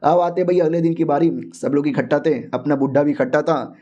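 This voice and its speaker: A man's voice: on the high side, a little fast, mellow, dull audio. A man casually narrating a story recap in a chatty, informal way.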